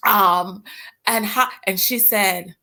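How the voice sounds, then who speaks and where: A woman's voice: medium pitch, slow pace, vocal fry, bright, forceful tone. A woman from England raised in Guyana and Brooklyn, a guest author telling her family story in an interview, laughing often as she talks. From born in England, raised in Guyana and Brooklyn.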